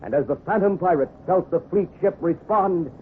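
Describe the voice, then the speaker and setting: At a moderate pace, a high-pitched man gives a lightly acted narration of a sea adventure, written in the florid dramatic style of old-time radio. Its mood is suspenseful, and the recording has the tinny, noisy quality of a vintage broadcast.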